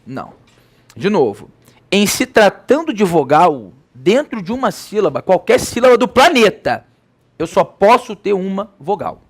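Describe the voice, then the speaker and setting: A Brazilian man teaching a Portuguese grammar lesson, lively, asking rhetorical questions and answering them himself. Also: high voice, measured pace. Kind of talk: recorded classroom lecture.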